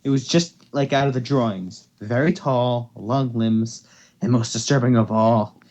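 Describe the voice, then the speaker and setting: A man with a mid-range, darkish voice hosts an amateur fan fiction reading at a measured pace. It's an amateur dramatic story reading, and he stumbles over words and repeats phrases as he goes.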